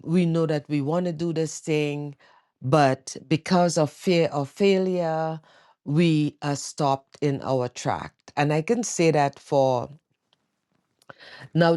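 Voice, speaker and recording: A worn-out woman speaks slowly from her bed, taking her time and stopping often to search for words. Her tired voice is recorded close and dry, with no room sound around it. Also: sits low, a little mellow, dry recording. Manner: slow, searching, pauses often with um. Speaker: vlogger. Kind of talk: reflective personal talk. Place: at home, sitting on her bed.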